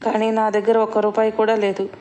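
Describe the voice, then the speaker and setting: A worried, weary woman explains her troubles in a plaintive tone, as a woman storyteller voices her. Her pitch stays flat and even. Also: brisk, lightly acted. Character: worried tearful adult woman, sister-in-law in money trouble.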